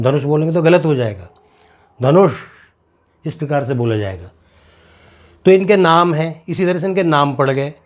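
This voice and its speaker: A man's voice: on the high side, a little mellow. A man teaching a lesson on the sounds of the alphabet, sounding out syllables one by one and explaining patiently. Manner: slow, deliberate, repeats syllables to demonstrate sounds; explains patiently, asks students if it is clear. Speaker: Hindi teacher. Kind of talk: classroom lesson on pronunciation.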